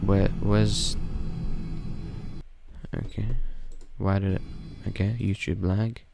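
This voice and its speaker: A man's voice: low-pitched, level tone, slow pace, vocal fry, over loud music. A man giving casual, off-the-cuff reaction commentary in a slangy, jittery way, full of amused disbelief. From Australia. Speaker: reaction video host.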